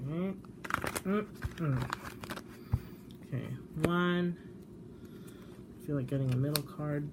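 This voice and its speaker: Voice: medium pitch, gravelly, very noisy. A tarot card reader talking casually to the camera in a chatty way, with lots of fillers and self-corrections. The reader sometimes steps away from the mic while shuffling.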